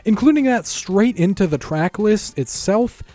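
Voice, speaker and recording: A man's voice: high-pitched, animated, unhurried. A man narrating a scripted music review in a wry, opinionated tone.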